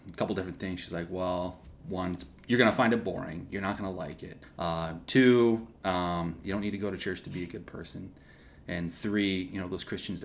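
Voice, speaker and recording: A young man from Texas, a seminarian guest on a podcast, telling his story casually with lively restarts and asides. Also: sits low, creaky. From Texas, USA. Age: young adult. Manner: animated, quick asides and restarts.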